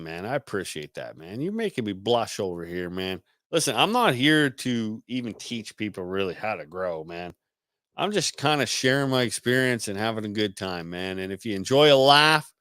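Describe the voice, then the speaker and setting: A man's voice: mid-range voice, a bit bright, smooth, dry recording, studio quality. A man hosting a live call-in stream, reading viewer comments aloud and answering in a laid-back way, swearing freely and saying "man" a lot. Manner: repeats words as he restarts.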